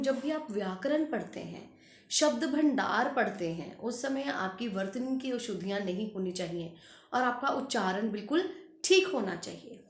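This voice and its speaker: A woman school Hindi teacher giving a lesson, reading out word lists slowly and stressing each word and its spelling. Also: fairly high pitch, reverberant. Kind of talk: online class lesson.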